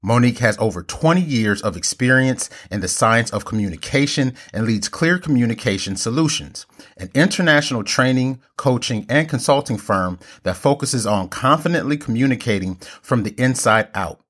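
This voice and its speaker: Husky-voiced enthusiastic podcast host man. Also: medium pitch, animated, normal speed, a bit bright. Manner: upbeat, enthusiastic. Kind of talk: scripted show intro and interview.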